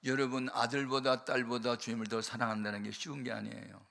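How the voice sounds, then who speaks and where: An older male pastor preaching a sermon, telling a story with emphatic swings from quiet to loud. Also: medium pitch, little pitch movement, brisk, gravelly. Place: church or prayer hall. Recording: long hall reverb.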